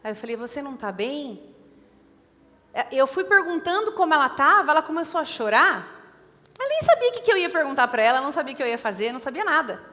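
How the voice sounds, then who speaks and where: A woman's voice: sits high, big pitch swings, fast, a bit bright, in a large hall. A woman with a Brazilian Portuguese accent preaching a sermon, urging and repeating her points with emphasis. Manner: emphatic, repetitive exhortation. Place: church.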